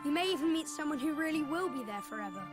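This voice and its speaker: A high, youthful boy's voice from a video game, with music clearly behind it. He is gentle and curious, and offers reassurance with earnest, philosophical wisdom beyond his years. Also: expressive, fast. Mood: gently reassuring. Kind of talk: video game cutscene acting.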